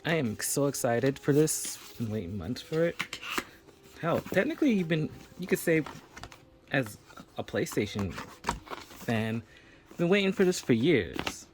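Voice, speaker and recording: A man's voice: mid-range voice, unhurried, pauses often, background noise. Chatty man unboxing a controller. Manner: chatty, excited, with fillers. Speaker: unboxing video host. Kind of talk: casual unboxing commentary.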